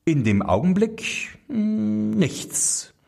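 A man's voice: high voice, big pitch swings, extremely slow, creaky, a little mellow, voice pushed up, heavily acted. A man voicing a bitter discharged soldier who gives curt, bossy orders, in a fairy tale reading. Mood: commanding.

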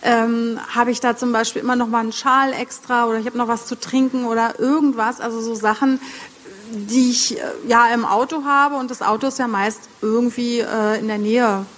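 A woman in the audience chats about her own habits, self-deprecating and full of fillers. Her voice sits fairly high. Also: steady tone, moderate pace, a little hiss or hum. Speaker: audience member. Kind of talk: audience question at a panel.

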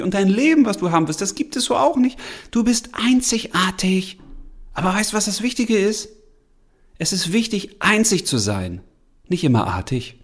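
Male motivational speaker, slightly high, husky, animated, casual, talks straight to camera. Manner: casual, slangy, direct address with laughs. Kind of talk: motivational monologue to the listener.

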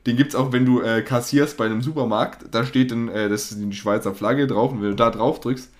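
A young man chatting casually, telling a lively anecdote and acting out the people in it. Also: medium pitch, fairly quick. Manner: animated storyteller acting out dialogue.

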